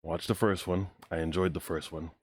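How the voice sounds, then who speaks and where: A man's voice: low voice, flat delivery, normal speed, husky. A man hosting a reaction video, talking casually and unscripted, telling stories informally and repeating points for emphasis. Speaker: host of a trailer reaction video.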